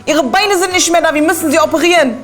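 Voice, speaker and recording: A woman playing a frantic, pushy hospital doctor who shouts urgent orders in a comedy sketch. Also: extremely high pitch, fast, soft background music, voice pushed up.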